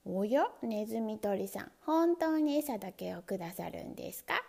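A cheeky little storybook mouse with a haughty, complaining way of talking, as a woman puts it on. The voice is warm and mellow, with lively rises and falls. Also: medium pitch, normal speed, creaky.

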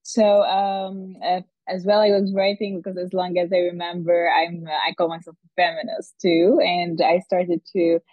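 Low-voiced woman, halting remote guest. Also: flat delivery, dry recording. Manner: halting, thoughtful, many pauses. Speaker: podcast guest. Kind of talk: casual remote interview talk. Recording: dull, dry remote call audio.

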